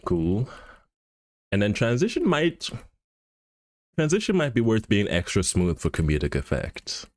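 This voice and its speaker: A man's voice: on the low side, big pitch swings, a little slow, long pauses, dry recording, studio quality. A man streaming live, thinking aloud and muttering to himself as he edits an animation in a casual, laid-back way. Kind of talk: casual livestream commentary while animating.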